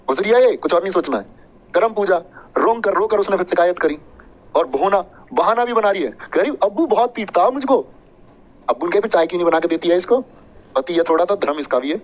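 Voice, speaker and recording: Man, teacher, exam-prep lecture, joking, repetitive, fast, slightly high voice. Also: expressive, rough recording. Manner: joking, chatty, repetitive drilling.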